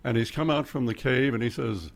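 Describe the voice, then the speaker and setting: In a radio studio, an older Oklahoman guest spins meandering stories, hopping from topic to topic and laughing a lot in relaxed on-air conversation. He speaks a little fast in a creaky, medium-pitched voice.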